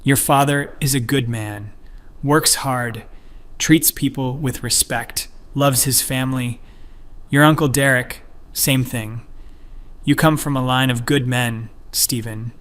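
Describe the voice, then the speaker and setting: A man voicing a firm, reassuring older family elder who speaks with steady conviction. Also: medium pitch, slow. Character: firm, older grandfather figure.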